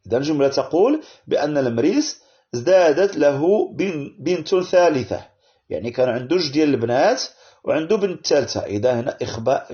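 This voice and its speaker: A man's voice: on the high side, a little mellow. A man, teaching a grammar lesson to primary pupils, explaining patiently and often checking in with "hein?". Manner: switches between French and Arabic, explaining slowly with frequent "hein?" and "bien". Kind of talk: classroom-style grammar lesson. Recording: dull lo-fi audio.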